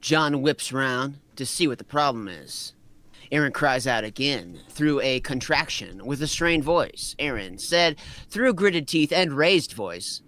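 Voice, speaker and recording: A man reading fanfiction aloud as the narrator, in an animated, amused way. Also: medium pitch, unhurried. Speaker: narrator and reader.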